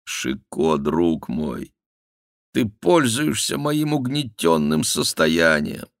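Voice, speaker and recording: A man's voice: low-pitched, expressive, slow, pushed and bright, no echo, clean studio sound, full character voice. A man reading an audiobook, voicing a stern, weary king who gives commands. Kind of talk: audiobook character voice.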